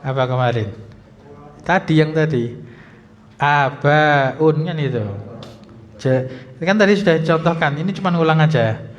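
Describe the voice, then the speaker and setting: A male Islamic teacher giving a grammar lesson in a mosque, reading text slowly, then explaining briskly and quizzing his students. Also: a little high. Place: mosque hall. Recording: dull lo-fi sound in a reverberant hall.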